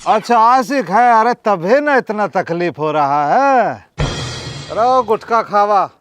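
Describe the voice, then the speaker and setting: A man's voice: high voice, expressive, takes it slowly, a bit bright, exaggerated voice. A man playing a sweet-talking, boastful young village conman, in a village comedy sketch. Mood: mocking. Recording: music underneath.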